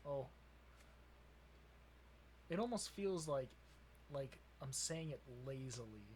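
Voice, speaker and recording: A man's voice: mid-range voice, animated, measured pace, darkish tone, a little hiss or hum. A young man with a Wisconsin accent, co-hosting a podcast in casual chat, rambling and laughing often. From Wisconsin, USA. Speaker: podcast co-host.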